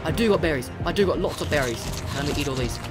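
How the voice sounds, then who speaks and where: An excitable gamer narrating a let's-play, coaxing and scolding the creatures in the game. The pitch swoops up and down constantly. Game music plays loudly behind the desk-mic voice. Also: fast talker. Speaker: gaming channel host.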